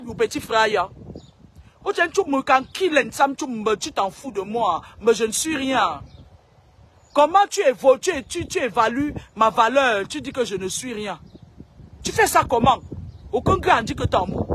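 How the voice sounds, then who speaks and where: A woman talks straight to the camera in a very high voice. She scolds, repeats her phrases and stumbles over repeated words. A faint hiss sits behind her. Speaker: self-styled seer. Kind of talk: direct-to-camera monologue.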